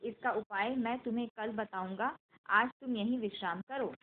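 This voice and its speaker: Wise old sage, calm and stern, steady measured telling, as a woman reads him in her own voice. Scripture story, higher voice, tinny line. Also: lightly acted. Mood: solemn. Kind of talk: devotional scripture reading. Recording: tinny phone-like line, faint noise.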